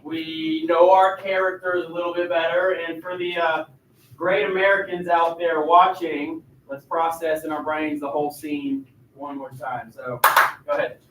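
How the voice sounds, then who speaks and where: A man teaching a class, his voice high and bright as he directs students through a role-play. he sounds upbeat and keeps prompting them along. the room echoes, and he is heard from some distance away from the mic. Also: level tone, measured pace, slight background noise. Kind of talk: classroom coaching.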